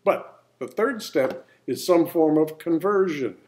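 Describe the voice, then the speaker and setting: A man's voice: fairly high pitch, expressive, takes it slowly, darkish tone. A man giving an informal marketing lesson in a folksy, plain-spoken way, now and then poking fun at himself. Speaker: business presenter.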